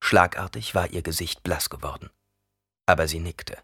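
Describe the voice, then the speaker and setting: Man, audiobook narrator, scripted narration, husky, low pitch, dry close sound. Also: moderate pace, no echo. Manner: expressive storytelling.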